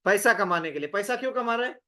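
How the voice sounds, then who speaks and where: A man with a notably high-pitched voice leads a scripture study group. He talks in a loose, conversational way. He keeps quizzing his listeners and repeats words for emphasis. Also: lively intonation, quick pace, sharp tone. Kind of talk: interactive scripture class.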